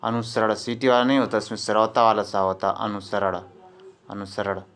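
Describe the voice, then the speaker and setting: A man's voice: on the low side, level tone, normal speed, fairly bright tone, smooth. A male teacher giving an exam-prep spelling lesson, repeating each word and quizzing his students. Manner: drills words by repeating them and quizzing students.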